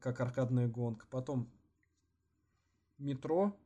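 A man co-hosting a podcast in casual, slangy chat with swearing, halting with many false starts and repeats. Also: medium pitch, warm tone. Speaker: podcast co-host.

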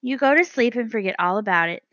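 A woman voicing a calm, reassuring mother at bedtime, soothing and matter-of-fact. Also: a little high, fast, dry recording, lo-fi sound.

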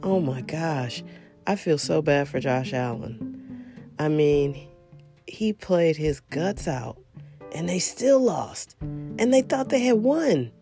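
A woman hosts a casual solo podcast about football, speaking in a low, animated voice at a slow pace over background music. She sounds congested and coughs now and then, chatting in a rambling, emphatic way.

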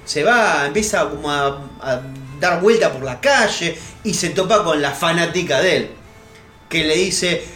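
A man's voice: a little high, measured pace, sharp tone, echoey room, soft background music. A young man with an Argentine accent, casually retelling a series plot and voicing its characters. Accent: Argentine Spanish. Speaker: podcast co-host. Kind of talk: casual chat.

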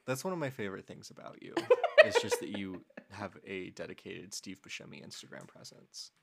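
A woman's voice: rumbling low, huge pitch swings, vocal fry, a crowd in the background. A woman co-hosting a comedy podcast, riffing jokes in casual chat and laughing often. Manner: joking, quick riffs, frequent laughter. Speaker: podcast co-host.

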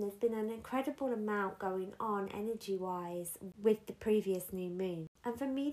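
A woman giving an earnest, conversational spiritual guidance talk, leaning on emphatic repetitions. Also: mid-range voice. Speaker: spiritual guide.

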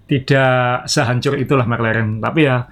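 A man's voice: mid-range voice, steady tone, normal speed, fairly bright tone. A man co-hosting a casual podcast chat, explaining things at length and chuckling often. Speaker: podcast co-host.

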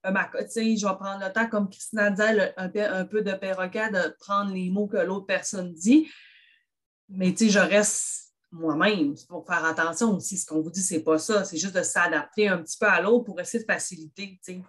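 A woman's voice: medium pitch, fairly even intonation, moderate pace. A woman with a Québécois French accent, a social worker co-hosting an advice podcast, who chats casually and talks straight to listeners. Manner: chatty, addresses listeners directly.

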